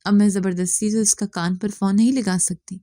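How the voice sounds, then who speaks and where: A woman voicing an older mother-in-law who speaks softly and plays the victim. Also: mid-range voice, steady tone, no room sound, studio quality, natural voice. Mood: sly. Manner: soft complaining tone, plays the victim. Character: older mother-in-law, sly and self-pitying.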